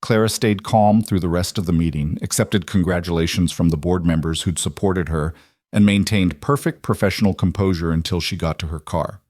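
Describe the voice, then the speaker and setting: Male storyteller, low and steady, measured read, dry recording. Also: no echo. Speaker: narrator. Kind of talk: scripted narration of fiction.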